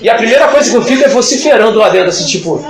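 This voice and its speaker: A man's voice: very high-pitched, animated, rapid-fire, a crowd in the background. A man leading an informal Bible study, talking in a chatty, joking way and acting out classroom exchanges. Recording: echoey room with background noise.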